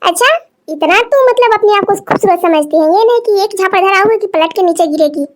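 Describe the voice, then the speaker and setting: A woman's voice: very high-pitched, expressive, brisk, slight background noise. Woman doing a bossy elder sister in glasses. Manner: bossy, lecturing. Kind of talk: cartoon voice acting.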